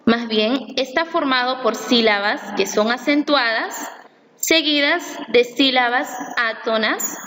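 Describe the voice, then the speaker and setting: A woman reading a scripted lesson aloud, slowly and carefully, stressing each syllable she explains. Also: high voice, bright, forceful tone. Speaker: teacher. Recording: long reverb, faint room noise.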